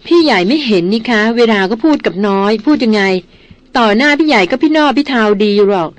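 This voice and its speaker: A woman's voice: on the high side, animated, a little fast, no echo, lightly acted. A woman voicing a headstrong young noblewoman who complains sharply, in a dry audiobook recording. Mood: indignant. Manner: indignant complaining.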